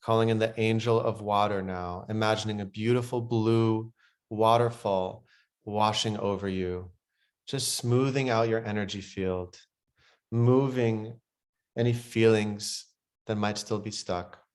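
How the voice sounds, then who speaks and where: Leading a breathwork meditation, this man speaks slowly and soothingly, and his words soften and quiet as the relaxation sections arrive. He has a fairly low, steady voice with a clear, resonant quality.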